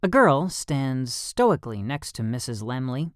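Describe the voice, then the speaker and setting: An audiobook narrator reading a first-person story in a steady, measured way on a close studio mic. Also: medium pitch, no echo.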